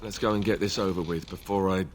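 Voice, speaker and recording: In video game dialogue acting, a man with a deep, steady voice talks fast over a noisy background, acting it lightly. He plays a young male warrior, awkward, sardonic, and earnest, a reluctant heir turned rallying leader, sounding reluctant and uneasy.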